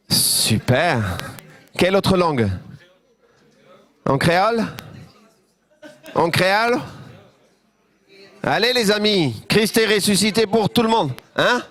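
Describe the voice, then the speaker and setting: Slow-speaking pastor preaching to his congregation. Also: high voice, fairly bright tone. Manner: joyful, interacts with the congregation. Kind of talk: sermon. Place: church.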